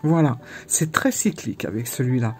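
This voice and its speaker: A woman vlogger chatting casually to the camera about her tarot decks, in a halting, self-interrupting way with frequent pauses. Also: rumbling low, animated, a little mellow, soft background music.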